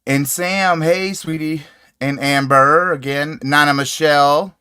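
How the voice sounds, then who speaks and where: A man's voice: a little high, fairly even intonation, measured pace, smooth, no echo, studio quality. A man hosting a casual crochet livestream, greeting viewers by name, laughing easily, talking into a desk mic at home. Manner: chatty, greets viewers warmly, laughs often. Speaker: crochet channel host. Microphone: desk microphone.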